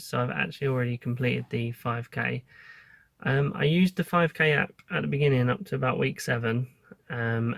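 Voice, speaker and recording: A man speaks in a gravelly, creaky voice at a middling pitch, recorded dry and close. He sounds like an informal vlogger giving a casual update, hesitating as he thinks aloud. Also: no echo.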